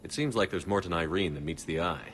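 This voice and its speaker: A man playing a steady, no-nonsense military commander in a video game, direct and businesslike. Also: deep voice, fast talker, slight background noise. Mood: probing, businesslike.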